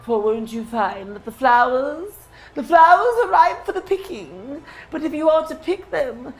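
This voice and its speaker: A woman's voice: high-pitched, lively intonation, unhurried, pitched above the performer's own voice, low-quality recording. A woman voicing a sly, gleeful male satyr in a tabletop game, with flowery, grandiose, singsong speech. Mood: coy, gleeful.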